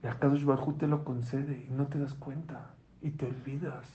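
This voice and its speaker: A man telling a moral story as a religious speaker, animated and moving between hushed and emphatic delivery. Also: mid-range voice, normal speed, dull audio, a little hiss or hum.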